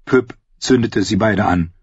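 A man reading a fantasy audiobook aloud, steady storytelling that bursts into loudly shouted battle commands. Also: fairly low pitch, measured pace, breathy edge, no room sound, muffled recording. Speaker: audiobook narrator.

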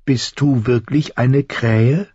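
A man's voice: mid-range voice, steady tone, slow pace, mellow, slightly rough, no echo, dull audio, voice pushed up. A man voicing a frightened young boy who whines and pleads tearfully.

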